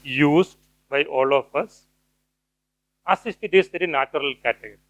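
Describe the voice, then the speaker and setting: A man's voice: fairly high pitch, moderate pace, fairly bright tone, no echo, poor audio. Man giving a hesitant academic lecture. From India. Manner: hesitant, many fillers and restarts. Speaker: guest speaker, cultural theorist.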